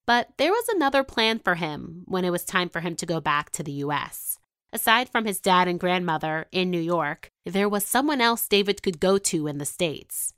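Low-voiced female narrator, measured and scripted, dry booth sound with faint music. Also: lively intonation, a bit bright, smooth, dry recording.

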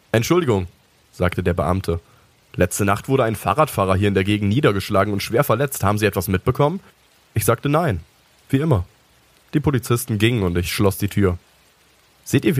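A man narrating a creepypasta in the first person, calm and sinister with mocking asides. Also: on the low side, no room sound.

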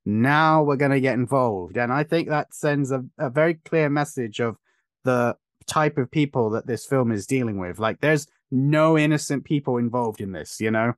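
A man's voice: medium pitch, moderate pace, no echo, studio quality. A man hosting a podcast, giving long, emphatic, opinionated explanations in casual chat. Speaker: podcast host.

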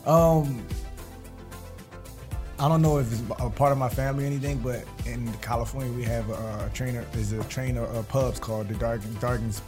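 A laid-back man chats as a podcast guest in a slangy, soft-spoken way. His pitch sits in a middle range. Faint music plays underneath. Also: fairly even intonation, fairly quick. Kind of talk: casual interview chat.

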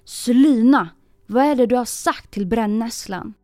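A woman's voice: on the high side, lively intonation, no echo, studio quality, soft background music. A woman voicing a proud, harsh false bride in a storybook reading, speaking sharply. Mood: scolding. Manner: sharp, scolding.

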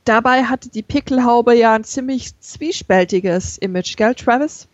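A woman presenting as a podcast host in an informative, measured way with hesitant pauses, on a slightly dull recording. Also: on the high side, dry recording.

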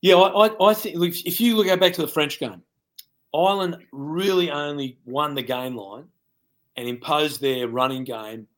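A man's voice: a little high, moderate pace. A former coach, a man, giving blunt and colourful rugby analysis in casual chat, laughing at his own jokes.

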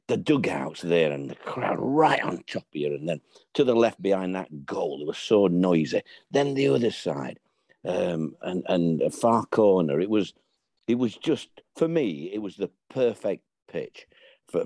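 An older man with a deep voice, a former football manager, swaps anecdotes in a relaxed chat. He tells his stories with real animation and acts out the dialogue himself. There's no echo on the recording.

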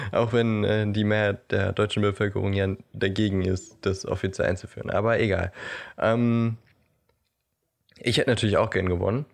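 A man with a low, gravelly voice co-hosts a relaxed podcast chat. He jokes around and laughs easily between his sentences. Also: moderate pace, pauses often. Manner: playful, joking, laughs often. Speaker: podcast co-host.

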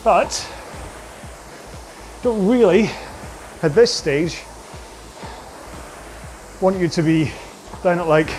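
A man coaching an indoor rowing workout, giving slow, measured cues about posture and pace. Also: high-pitched, a little mellow, faint music behind.

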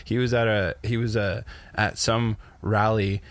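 A man with a fairly low voice talks as a podcast co-host. His delivery is casual and blunt, with plenty of swearing, as in loose conversation. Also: level tone, a little slow, clear, resonant tone, no room sound. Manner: blunt, profane. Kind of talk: casual chat.

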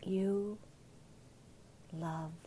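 A woman whispering soothing guided relaxation and gentle affirmations in an unhurried ASMR style. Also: medium pitch, fairly even intonation, a little hiss or hum.

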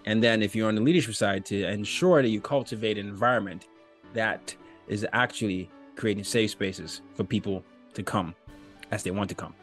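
A man hosting a podcast interview, introducing his guest with enthusiastic, animated delivery and big swings in loudness. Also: lowish voice, normal speed, soft background music. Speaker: podcast host.

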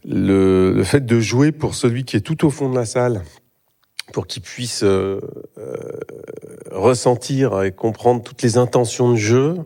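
A man's voice: medium pitch, measured pace, warm tone. A middle-aged man, an actor, talking in a live interview on a theatre stage, hesitant, with many fillers and restarts. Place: theatre stage before an audience.

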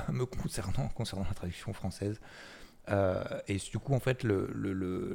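A man's voice: sits low, gravelly, dark tone. A man giving casual, chatty market commentary as host of a weekly recap, with many fillers and restarts. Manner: chatty, loose, with many fillers and repeated words.

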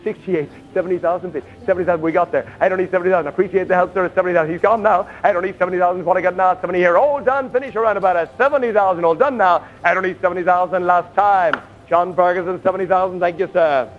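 Auctioneer: male, high-pitched, rapid-fire bid calling, heard on a muffled archival recording. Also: fairly even intonation, a little hiss or hum. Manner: rattles off bids, urges bidders on. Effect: archival recording of a live auction.

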